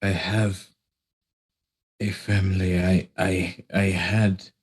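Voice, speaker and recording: A man playing a shaken, newly cursed warrior, speaking haltingly with stammers. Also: sits low, level tone, breathy edge, exaggerated voice.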